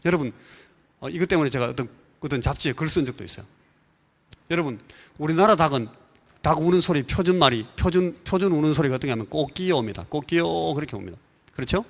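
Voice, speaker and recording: A Korean man preaching as pastor, telling an animated story and mimicking rooster crows and voices. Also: on the high side, fast, pauses often. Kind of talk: sermon. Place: church sanctuary. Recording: church hall reverb.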